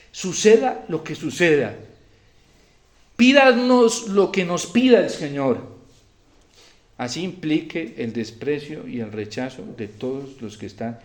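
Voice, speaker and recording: A man preaching a Sunday homily as a priest, swinging between quiet, grave passages and loud, fervent ones. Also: mid-range voice, reverberant. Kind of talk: sermon.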